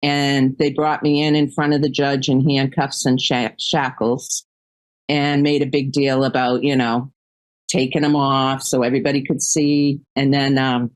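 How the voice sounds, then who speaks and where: An older woman, a grandmother, speaking as a guest in a casual interview, plainspoken and quick to laugh. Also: extremely low pitch, steady tone, no room sound.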